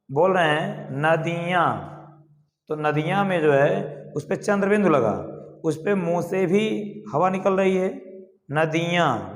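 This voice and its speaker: A male teacher explains grammar slowly, asking rhetorical questions and answering them himself. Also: a little high. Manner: slow, deliberate explaining. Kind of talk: classroom grammar lesson. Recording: echoey classroom with long reverb.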